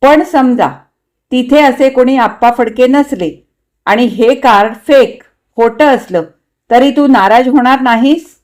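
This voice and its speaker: A woman voicing a loyal, easygoing male friend in a read-aloud story, who speaks in a calm, reasoning tone. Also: sits high, slow pace. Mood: friendly.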